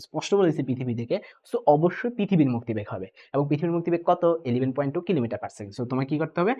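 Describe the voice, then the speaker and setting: A man's voice: a little high, dark tone, highs cut off. A young man teaching physics in an exam-prep lecture, mixing in English terms and often checking in with the students. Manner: brisk, keeps asking "ঠিক আছে?", mixes English terms. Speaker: physics tutor.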